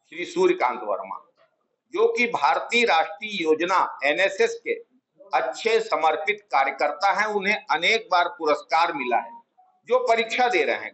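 Emphatic high-voiced man at press conference. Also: sharp tone, muffled recording. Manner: measured, emphatic, repeats key words for stress. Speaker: Congress party spokesman at a press conference. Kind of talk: formal political press statement. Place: small office room, indoors. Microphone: clip-on lapel mic, table of press mics.

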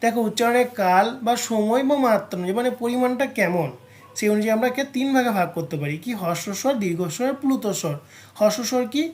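A teacher with a West Bengal Bengali accent explains a grammar lesson to students, asks questions and answers them, and spells out sounds slowly as examples. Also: mid-range voice, a little mellow. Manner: addresses students directly, poses and answers its own questions. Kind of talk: exam-prep grammar lesson.

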